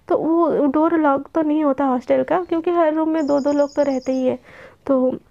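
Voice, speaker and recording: A woman's voice: high-pitched, mellow. A woman narrating a story in a chatty, casual way with many fillers. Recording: dull lo-fi recording.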